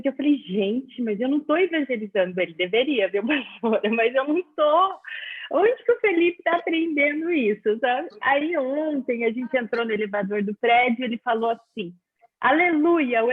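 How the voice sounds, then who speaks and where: A woman on a video call telling a lively testimony, laughing as she goes. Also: on the high side, slightly rough. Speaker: church member giving a testimony. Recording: tinny, phone-like video call audio.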